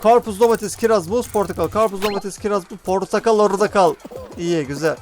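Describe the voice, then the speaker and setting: A man with a Turkish accent and a high voice calls out a game as he plays it, urging his teammates on. He chats straight to his viewers and gets louder and higher when the action heats up. Faint music plays underneath. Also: fairly quick. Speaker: gaming YouTuber. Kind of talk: live gameplay commentary.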